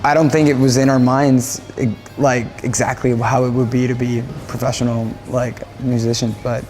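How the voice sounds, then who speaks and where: A man's voice: medium pitch, flat delivery, moderate pace, a little mellow, faint music behind. A man from Japan, a band musician, talking casually in an interview in a rambling way, often repeating phrases and restarting.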